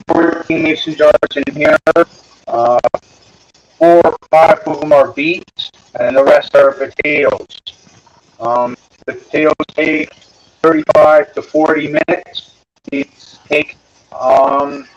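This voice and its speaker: A man talking casually about his home canning, halting with many fillers and restarts. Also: on the high side, steady tone, poor audio. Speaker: home canner. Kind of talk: casual chat.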